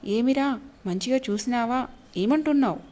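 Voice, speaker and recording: A man's voice: very high-pitched, moderate pace, darkish tone. A woman storyteller voicing a polite, worried middle-aged man who speaks. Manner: polite, hesitant, troubled.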